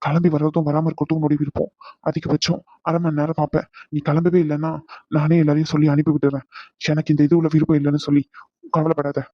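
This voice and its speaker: A man's voice: a little high, completely flat delivery, quick pace, no echo, muffled recording, lightly acted. A man voicing a stressed young husband in a cartoon, scolding his wife in long rants. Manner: scolding rants, softening into comfort. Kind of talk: cartoon voice acting.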